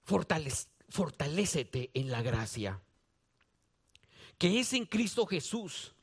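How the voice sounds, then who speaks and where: A man's voice: on the high side, big pitch swings, slow pace, breathy edge. A man with a Guatemalan Spanish accent preaching a sermon, repeating phrases for emphasis and asking his listeners direct questions. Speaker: pastor.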